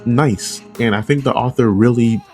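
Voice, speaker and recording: Over background music, a video essay host offers casual opinion commentary in a mid-range, slightly mellow voice at a moderate pace. He keeps things conversational and often rephrases his points.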